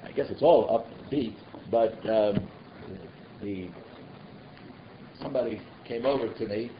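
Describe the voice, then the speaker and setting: A rabbi with a fairly low voice speaks a little slowly while giving an informal Torah class. He throws out rhetorical questions and conversational asides. The recording is muffled and noisy, with room echo.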